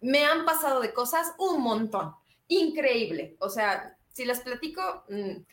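A Mexican woman talks to her viewers in a chatty, upbeat live-stream style, reading their comments aloud as she hosts a self-esteem course. Her voice sits slightly high. The recording has a roomy echo. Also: expressive, measured pace, fairly bright tone.

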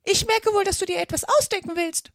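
A woman voicing an outraged female pigeon guarding her eggs in a storybook reading, shrill and scolding. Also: a little fast, a bit bright, no room sound, studio quality. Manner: shrill, scolding, near-sobbing outbursts. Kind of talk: audiobook character reading.

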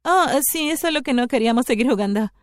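A woman's voice: a little high, expressive, quick pace, dry recording, clean studio sound, close to an everyday voice. A woman voicing a mean teenage stepsister who mocks and teases. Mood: mocking. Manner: mocking.

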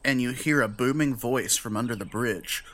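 A man's voice: mid-range voice, normal speed, a bit bright. A man working as game master, narrating a tabletop game and explaining rules in a casual, conversational way.

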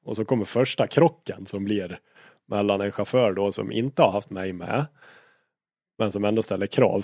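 A man's voice: lowish voice, no echo, studio quality. A man, a rally co-driver, telling stories casually in an interview, swearing freely and acting out old quarrels. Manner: lively storyteller, swears freely, acts out quarrels.

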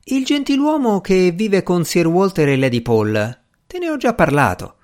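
Man reading as a young lady, gentle, earnest, teasing, raised lilting voice, audiobook. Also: high-pitched, sing-song, normal speed, pitched above the performer's own voice. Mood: playful. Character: young woman, gentle and good-natured.

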